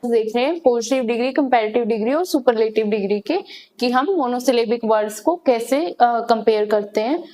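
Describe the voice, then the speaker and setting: Woman teaching, fairly high voice. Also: warm tone. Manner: explains step by step, asks questions and answers them herself, slow spelled-out examples. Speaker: English grammar teacher. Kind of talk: classroom grammar lesson.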